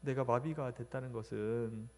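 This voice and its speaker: A middle-aged man speaking at a church event, giving a personal testimony in an ordinary mid-range voice. His storytelling is emotional, dropping to near whispers and then rising to loud bursts. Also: medium pitch, steady tone, moderate pace. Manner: emotional storytelling with wide swings from hushed to loud. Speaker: radio station branch director giving testimony.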